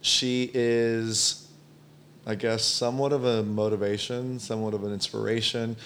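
A man's voice: fairly low pitch, level tone, unhurried, a bit bright, slight background noise. A young man hosting a podcast, chatting casually and playfully teasing his guest. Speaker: podcast host.

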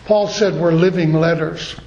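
A man's voice: on the high side, steady tone, measured pace, a little mellow, echoey room, dull audio. A middle-aged man preaching a sermon, earnest and telling stories from his own life. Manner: earnest, storytelling.

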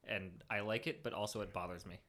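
Fast, bright-voiced man joking. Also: fairly low pitch, steady tone. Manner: quick, joking, hesitant with fillers like "like". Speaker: podcast co-host. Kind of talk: casual chat.

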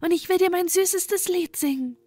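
A woman doing a tender high nightingale. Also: normal speed, no room sound, soft background music. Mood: pleading. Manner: bright, earnest, wondering. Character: tender, devoted little female nightingale. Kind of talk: storybook reading.

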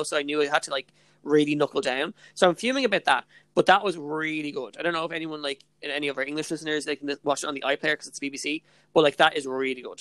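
A young Irish woman co-hosts a podcast, chatting casually with a low, fairly bright voice and no room sound. She's bubbly and gushing, sprinkling in "like" and "literally" constantly.

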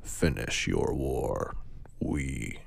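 A man voicing a colossal, menacing robotic alien machine in a deep, gravelly monotone without inflection. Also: no room sound, exaggerated voice. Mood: ominous. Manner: slow, flat, ominous pronouncements.

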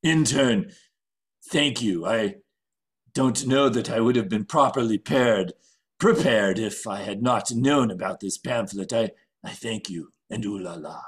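A man's voice: fairly low pitch, measured pace, slightly rough. A man playing a pompous, stammering French baker in an improvised comedy sketch. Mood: blustering. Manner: blustering, stammering, self-important. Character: pompous male French baker, put-on accent.

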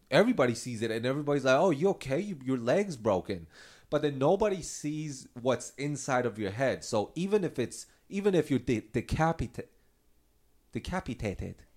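A man's voice: medium pitch, darkish tone. A man in his thirties talking candidly in a casual personal monologue, rambling and restarting his sentences, with light laughs at his own remarks. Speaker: host.

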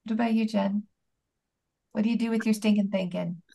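A woman's voice: medium pitch, steady tone, a little fast, creaky, mellow. A middle-aged woman hosting a faith-based coaching chat, asking encouraging, guiding questions. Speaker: podcast host and life coach.

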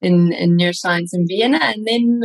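A woman, a neuroscientist guest on an interview, talking in an animated, chatty way. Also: fairly low pitch, normal speed, poor audio. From New Zealand. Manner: animated, chatty, many fillers and restarts. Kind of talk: conversational interview.

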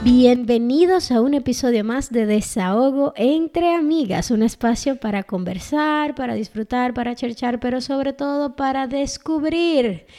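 A woman's voice: sits high, a little slow, hardly any pauses, dark tone, soft background music. A woman co-hosting a chatty, playful podcast conversation. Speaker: podcast co-host. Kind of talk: casual chat.

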